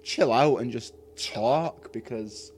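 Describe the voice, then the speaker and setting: A man's voice: medium pitch, slow. A man hosting a podcast, talking in an easygoing, rambling way full of fillers. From North West England. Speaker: podcast host. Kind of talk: casual chat.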